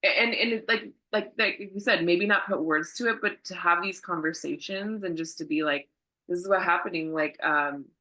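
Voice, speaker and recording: Woman, 30s, host, emotive, animated, bright tone, lowish voice. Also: moderate pace, poor audio. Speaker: host, acupuncturist. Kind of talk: casual interview chat.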